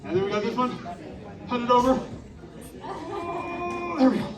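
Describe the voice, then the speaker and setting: Animated man leading a live crowd. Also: very high-pitched, unhurried. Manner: animated, coaxing crowd call-and-response. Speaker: children's show performer. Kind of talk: live interactive stage show. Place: outdoor winter carnival stage. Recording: echoey, distant live recording with crowd.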